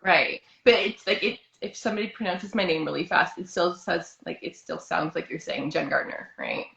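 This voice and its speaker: A woman in her thirties hosting a casual chat over a video call, chatty and quick to laugh. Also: on the low side, creaky, a bit bright, reverberant, highs cut off. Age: 30s. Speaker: host.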